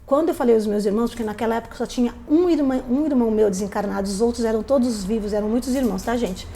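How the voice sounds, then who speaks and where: A woman telling a personal story as a live stream host, in a lively storytelling way that acts out the voices of the people in it. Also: on the high side, rapid-fire, a little hiss or hum. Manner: animated, acts out quoted voices.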